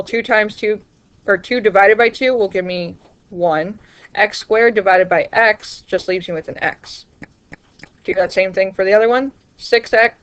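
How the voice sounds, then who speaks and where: A woman's voice: medium pitch, no echo, highs cut off. A woman math teacher walking through a recorded lesson step by step, with apologetic asides.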